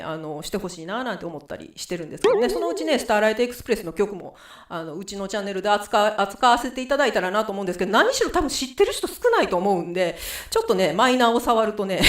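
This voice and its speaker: A woman with a Kansai accent hosts a live stream and talks in a chatty, rambling way. Her pitch swings up and down a lot at a middle height. Her voice carries a roomy echo. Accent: Kansai Japanese. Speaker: host and musical singer.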